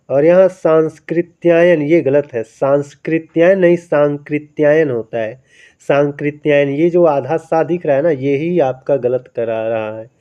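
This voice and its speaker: A man teaching Hindi spelling in an exam-prep lesson, coaxing and repetitive, often ending phrases with tag questions. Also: mid-range voice. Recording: dull lo-fi sound.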